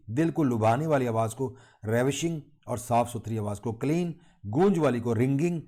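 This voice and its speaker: A middle-aged man from Pakistan giving a recorded college lecture, reading out lists of terms in a measured teaching tone. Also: medium pitch, mellow.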